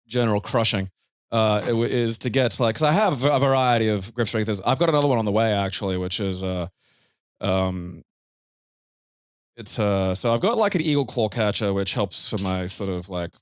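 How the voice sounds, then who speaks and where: A man chatting casually over a video game, rambling and halting as he goes. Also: lowish voice, expressive, clear, resonant tone, no room sound, clean studio sound. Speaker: gaming commentator. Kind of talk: casual gaming banter.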